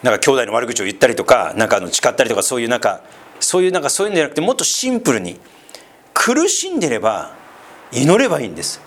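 Man preaching with a very lively, swooping pitch. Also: very fast. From Sendai, northeastern Japan. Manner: chatty, with many asides and tag questions. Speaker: pastor. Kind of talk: conversational sermon.

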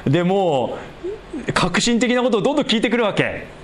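This preacher's delivery is sing-song as he gives a sermon and prays. He lingers slowly on key words and lets each phrase fall quiet and low at its close.

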